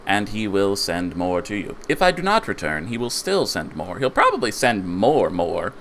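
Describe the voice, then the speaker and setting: A man's voice: fairly low pitch, wildly swooping pitch, a bit bright, slight background noise, heavily acted. A man doing a haughty young nobleman. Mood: threatening. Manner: cold, measured threats.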